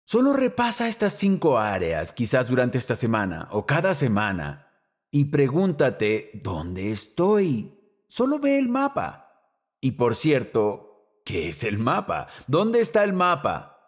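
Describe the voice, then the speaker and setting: A man preaching a sermon to a church, animated, rising to shouts and dropping to a hush. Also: mid-range voice, a little slow. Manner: lively preaching, shouting quoted lines and dropping to near whisper. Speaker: pastor.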